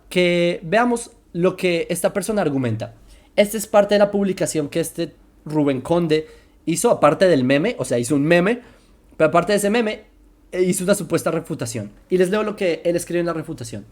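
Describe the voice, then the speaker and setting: A presenter explaining religious texts in a commentary lesson, slowing down to spell out terms and often asking whether listeners follow. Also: medium pitch, lively intonation, a little mellow. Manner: keeps checking listeners follow, asking "right?"; slows down to spell out terms and examples.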